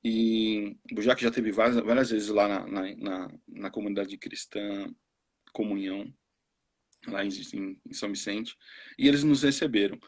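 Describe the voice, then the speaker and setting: A man's voice: lowish voice, unhurried. A Brazilian missionary in his forties telling his story casually, acting out the voices of the people he quotes. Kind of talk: casual testimony on a live stream.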